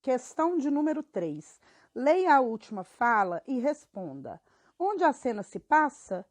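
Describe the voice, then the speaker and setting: A woman's voice: sits high, big pitch swings, measured pace. A girl of about twelve, reading school questions and her answers aloud, evenly and with small stumbles. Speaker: student.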